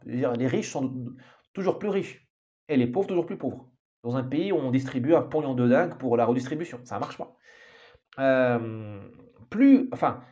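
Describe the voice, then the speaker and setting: A man's voice: on the high side, dark tone, highs cut off. A man giving an opinionated monologue as an author, emphatic and full of restarts and repeated words. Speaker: author commenting on society.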